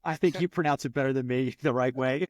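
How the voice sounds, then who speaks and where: A man's voice: mid-range voice, quick pace, no room sound. Upbeat, friendly male podcast host. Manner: friendly, upbeat, laughs easily. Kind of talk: casual interview chat.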